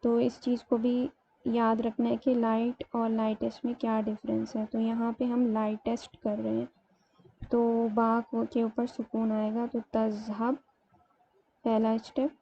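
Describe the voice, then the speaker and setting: A woman teaching a grammar lesson, explaining each step and slowing down to spell out example words. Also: on the high side, monotone, warm tone. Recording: dull lo-fi sound, faint room noise.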